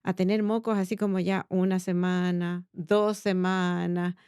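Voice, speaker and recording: A woman's voice: fairly low pitch, little pitch movement, a little slow, darkish tone, smooth, no echo, studio quality. A woman pediatrician with a Chilean accent, explaining patiently in a casual podcast chat and checking in with tag questions. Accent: Chilean Spanish.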